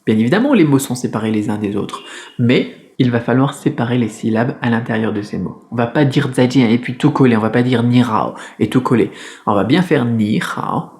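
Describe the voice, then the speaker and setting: A man teaching a beginners' Mandarin lesson in French, patient and clear, repeating each sound slowly. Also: medium pitch, expressive, a little mellow. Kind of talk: video lesson.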